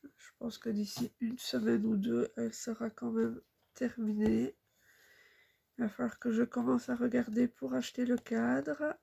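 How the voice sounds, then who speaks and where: Slow, gravelly-voiced woman chatting. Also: on the high side, flat delivery, dark tone. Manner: chatty, unhurried, many fillers. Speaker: cross-stitch vlogger. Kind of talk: casual chat while stitching.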